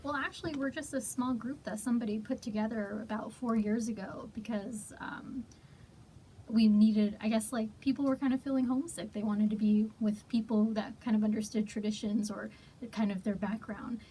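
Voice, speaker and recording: A woman guest in a radio studio talking softly and a little hesitantly in a casual interview, with plenty of fillers. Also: on the high side, fairly even intonation, normal speed, a little hiss or hum, poor audio. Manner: soft-spoken, hesitant, many fillers.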